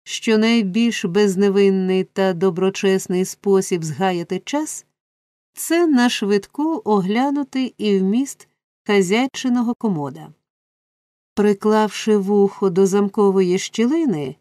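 A woman narrating a classic novel as an audiobook, in a measured, even manner, recorded on a close microphone. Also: medium pitch, no echo. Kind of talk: scripted storybook narration.

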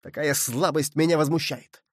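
A man's voice: on the high side, fairly even intonation, moderate pace, no echo, studio quality, close to an everyday voice. A man voicing a hot-tempered young musketeer who speaks in a sarcastic, indignant way.

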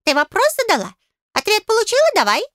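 Woman voicing a tiny fairy man, squeaky, pompous, greedy, bossy, storybook audiobook, close dry sound. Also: huge pitch swings, fast, fairly bright tone, no room sound, heavily acted. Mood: indignant. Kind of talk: audiobook character voice.

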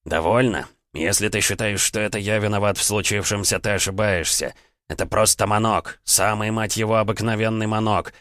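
A worn-out, gruff adventurer who talks bluntly and defends himself, as an audiobook narrator plays him. The voice sits deep and low. The sound is dry and close to the mic. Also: male voice, steady tone, moderate pace, a bit bright, no room sound, close to an everyday voice. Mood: defensive.

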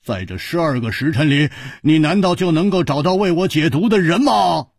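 A brash, hearty swordsman shouting and laughing in a high, strained voice, as a male storyteller puts him on. The voice is husky and swoops widely, and the reading is dry and close. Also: expressive, normal speed, no room sound, full character voice. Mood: boisterous. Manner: loud, laughing, high-strung. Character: boisterous poisoned swordsman, hearty and reckless.

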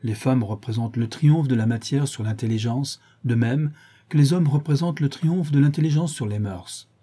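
A cynical aristocratic gentleman drawls witty aphorisms with languid irony, voiced by a male reader. The voice is dark and mellow, with a soft husky grain. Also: mid-range voice, normal speed, pitched above the performer's own voice, close to an everyday voice. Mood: ironic.

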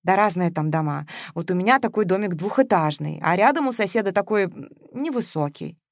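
A cheerful, house-proud older woman talks in a lively, animated way, voiced by a woman reading the story aloud. She comes across fussy and quick to take offence. The sound is dry and close. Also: fairly low pitch, no echo.

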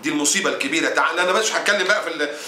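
A man's voice: fairly high pitch, very fast, sharp tone, slight background noise. A man preaching a sermon with an Egyptian Arabic accent, in a fiery, indignant, scolding way. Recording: roomy echo.

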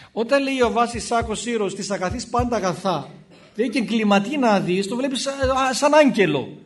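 A male Orthodox priest giving a spoken sermon in a conversational way, acting out short exchanges between people. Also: sits high. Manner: conversational, acts out little dialogues in shifting voices.

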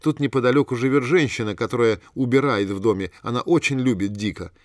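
A man reading an audiobook and voicing a middle-aged man who speaks curtly and commandingly, gruff yet tender. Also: mid-range voice, quick pace, dry recording, clean studio sound, natural voice.

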